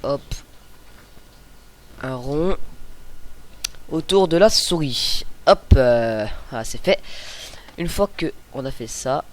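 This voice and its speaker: A young man hosting a casual screen-recorded software tutorial, chatty and hesitant, with many fillers and self-corrections. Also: medium pitch, lively intonation, slow, long pauses. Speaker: tutorial host.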